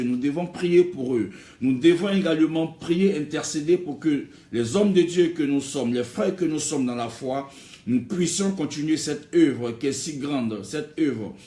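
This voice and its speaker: In an echoey, reverberant room, a man preaches an exhortatory sermon with emphasis, building on repeated rhetorical phrases. His voice is on the high side with a darkish tone.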